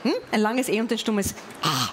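A woman's voice: mid-range voice, sing-song, fairly bright tone, slight background noise. A Viennese woman in her forties doing ironic stand-up cabaret on a large open-air stage, on a headset mic. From Vienna, Austria. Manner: ironic, quick-witted. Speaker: cabaret performer.

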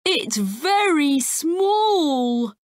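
A woman voicing a worried, earnest young boy in a slow storybook voice. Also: high-pitched, sing-song, dry recording, clean studio sound, voice pushed up, exaggerated voice.

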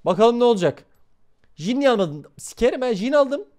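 A young man streams a game live, reacting loudly and swearing in nearly every sentence. His voice sits high and swings widely, jumping up and down as he talks to his chat. He comes across as excitable and blunt. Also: brisk. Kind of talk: live gameplay commentary.

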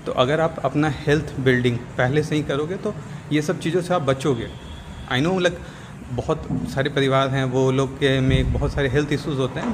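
A young man, a gym member, explaining things on camera in a steady, instructive way, mixing English words into his talk, recorded on a lapel mic in an indoor gym. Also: a little high. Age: young adult. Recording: reverberant gym with faint ambient noise.

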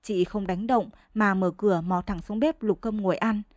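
A woman narrating a village short story as a bedtime radio reading in a steady storytelling manner. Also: medium pitch, moderate pace, no room sound, clean studio sound.

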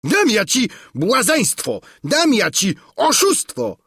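Shrill raging storybook king barking orders, gravelly edge, dry sound. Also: wildly swooping pitch, slow pace, pushed and bright, dry recording, heavily acted. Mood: roaring. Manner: shrieking, bellowing orders. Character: raging tyrant king, grown man, cruel and hot-tempered. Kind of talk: audiobook character voice.

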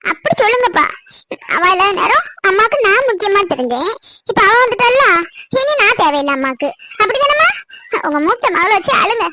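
A young woman playing a jealous, sharp-tongued teenage younger daughter in a family drama skit. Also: animated, very noisy. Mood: sulky. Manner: taunting, quick and shrill. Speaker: younger daughter going to tuition.

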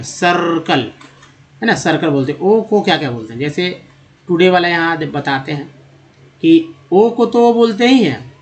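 A man with a Hindi accent teaching English pronunciation in a video lesson, repeating words slowly and calling the viewers friends. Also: fairly high pitch.

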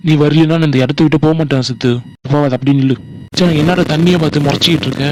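A man's voice: a little high, steady tone, rapid-fire, background noise, lightly acted. A man playing a young college man who trades brash, bickering banter with his friend. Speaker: college student. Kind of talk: village family drama acting.

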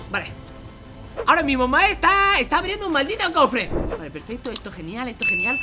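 A young man from Spain with a Spanish accent, doing excited gameplay commentary, going from hushed whispers to shouts and repeating himself rapidly. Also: very high-pitched. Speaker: gaming YouTuber. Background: music.

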